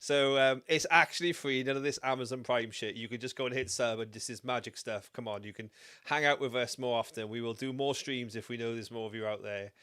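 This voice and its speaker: A man's voice: medium pitch, steady tone, a little fast, pushed and bright, clear, resonant tone, no room sound. A man with a South Wales Valleys accent hosting a live stream in an informal, chatty, sweary way. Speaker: livestream host. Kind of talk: casual live stream chat, reacting to news.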